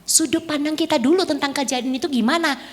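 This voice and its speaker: A woman giving a lively storytelling talk to an audience, laughing often and acting out the voices in her story. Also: high voice, fast talker. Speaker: dharma talk speaker. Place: temple hall. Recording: reverberant hall.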